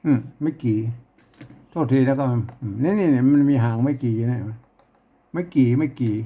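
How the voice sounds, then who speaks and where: A man with a Northern Thai accent teaching an informal reading lesson, slowly working through an old manuscript, repeating words as he deciphers them and chuckling often. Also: mid-range voice, narrow, tinny audio.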